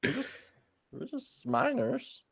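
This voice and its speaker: A man's voice: extremely high pitch, wildly swooping pitch, slow, gravelly, fairly bright tone, breathy edge, pitched above the performer's own voice, heavily acted. A man voicing a small, hunched, pig-snouted creature who works as a miner and rambles in flustered restarts. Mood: rambling.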